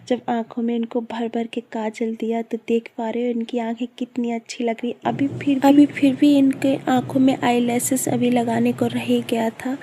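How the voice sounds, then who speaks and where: A woman's voice: fairly high pitch, mellow, slight background noise. A young woman, a bridal makeup artist, chatting her way through a voice-over of her makeup video, rambling with many fillers and restarts. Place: dark room at home at night, voice-over.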